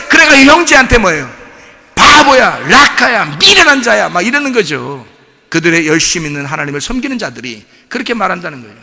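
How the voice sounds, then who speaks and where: Man, pastor, sermon, rhetorical questions, sharp bright tone, long hall echo. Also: high-pitched. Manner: animated preaching with rhetorical questions. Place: church sanctuary. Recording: long church reverb.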